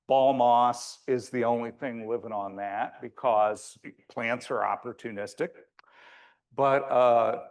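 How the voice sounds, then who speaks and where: Speaking in a conversational lecture manner, a man who is a landscape architect presents to an audience with a big voice of medium pitch. His explanations come informally, slightly wry, and peppered with frequent hesitations.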